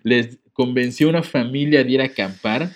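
A podcast co-host with a mid-range voice reads a letter aloud a little fast, repeatedly breaking off into jokes, laughter and comic asides. Crowd noise is audible in the background.

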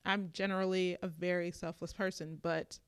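A woman's voice: on the low side, level tone, moderate pace, smooth, dry recording. Earnest woman, dry close sound. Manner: thoughtful, earnest, reflective. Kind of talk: casual chat.

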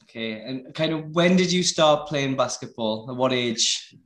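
A man's voice: mid-range voice, lively intonation, a little slow, fairly bright tone, reverberant. A man interviewing casually, with hesitant questions full of "kind of". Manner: hesitant, many "kind of" fillers.

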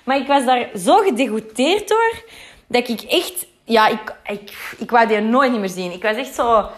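A woman's voice: fairly high pitch, lively intonation, moderate pace. A young woman with a Flemish accent telling a story in a casual, chatty way, full of fillers and acted-out quotes with English swears thrown in.

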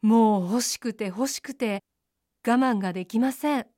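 High-voiced woman reading children's tales. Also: moderate pace, no echo, studio quality. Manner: gentle, clear read-aloud delivery. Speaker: storyteller. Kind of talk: children's storybook narration.

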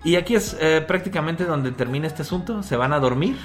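A man's voice: on the high side, animated, fairly quick, music in the background. A man co-hosting a podcast, chatting casually and laughing often as he retells a story. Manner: laughs often, trails off and restarts. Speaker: podcast co-host. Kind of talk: casual chat recapping an anime.

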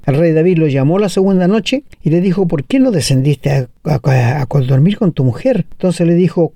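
A man's voice: a little high, dark tone, dry recording. A middle-aged man with a Chilean Spanish accent, preaching an earnest sermon and speaking directly to his listeners.

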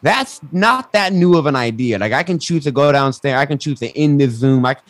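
A man with a lisp, who says w for r, is an interview guest and coach on an indoor online video call, explaining ideas emphatically in animated talk. His mid-range voice is lively and fairly quick, and he swears mildly and acts out quotes. There's no echo.

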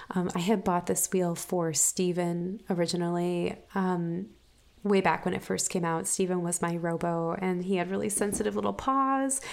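A woman chatting casually about her own life in a halting, thinking-aloud way, with mouse clicks behind her. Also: on the low side, vocal fry. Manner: halting, thinking aloud with frequent "like" and trailing restarts. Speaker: hamster owner and podcast or vlog host. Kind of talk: casual personal chat, rambling.

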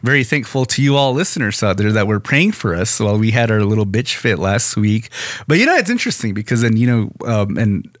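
A man's voice: lowish voice, big pitch swings, a little fast, dry recording, studio quality. A man hosting a podcast, rambling casually through a recap and a sponsor mention. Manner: rambling, many fillers and restarts. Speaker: podcast host.

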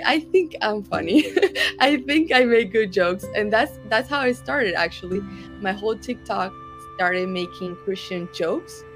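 A woman from Argentina, a youth pastor speaking as a guest in a candid, joking way. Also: mid-range voice. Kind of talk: interview conversation.

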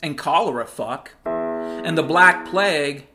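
A man's voice: fairly high pitch, expressive, slow, over music. A male podcast host delivering a heated, sarcastic monologue, swearing often. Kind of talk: profane ranting monologue.

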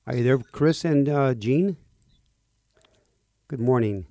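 A man's voice: mid-range voice, slow, dark tone, dry recording. A man hosting a religious radio talk show from a studio, with an upbeat announcer cadence. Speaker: radio host.

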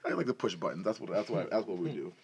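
A deep, expressive, darkish male voice talks fast. He's a football player in his twenties, from West and East Africa and later Canada, appearing as a podcast guest. He tells his personal story in a casual, bantering, slangy chat.

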